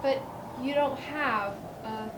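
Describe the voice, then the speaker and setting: A woman plays a kindly, slightly flustered male guardian angel on a stage, coaxing in a high voice. The sound is roomy and picked up from far off, with a steady hiss of noise underneath. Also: slow. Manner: patient, coaxing, a little flustered. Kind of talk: amateur stage acting. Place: theatre stage. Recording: echoey stage heard from afar, noisy.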